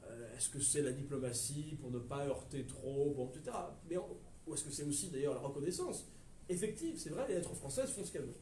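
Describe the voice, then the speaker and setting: A man with a French accent giving a history lecture to a live audience, lively and digressive, with hesitations and asides to the listeners. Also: on the high side, fairly quick, a little hiss or hum. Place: lecture room at a university research center. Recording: echoey lecture room from far off, faint ambience.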